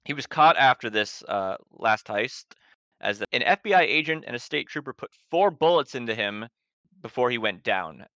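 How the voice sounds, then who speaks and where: A man's voice: mid-range voice, lively intonation, normal speed, bright, forceful tone, no room sound. A man voicing a male government agent giving a matter-of-fact briefing to his team, in a dull lo-fi recording. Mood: grave.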